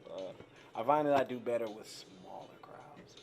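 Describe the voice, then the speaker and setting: An actor playing a chatty, awkward server and eager fan who rambles and stammers with lots of fillers, in short film dialogue. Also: male voice, medium pitch, normal speed, lightly acted.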